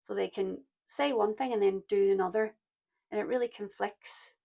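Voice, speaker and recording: Croaky gravelly-voiced woman. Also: medium pitch, fairly even intonation, normal speed. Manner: soft-spoken, reflective, addresses listeners as "my loves". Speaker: tarot reader. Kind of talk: pick-a-card tarot reading to camera.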